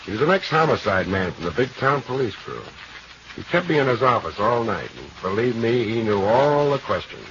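An actor playing a wisecracking, unflappable private investigator with a dry, sardonic delivery in a 1940s radio detective drama. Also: male voice, medium pitch, sing-song, moderate pace. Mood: narrating, dry. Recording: muffled, noisy old radio recording.

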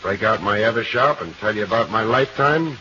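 An actor playing a wisecracking, unflappable private investigator with a dry, sardonic delivery in a 1940s radio detective drama. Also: male voice, lowish voice, animated, fairly quick, bright, forceful tone. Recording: muffled, noisy old radio recording.

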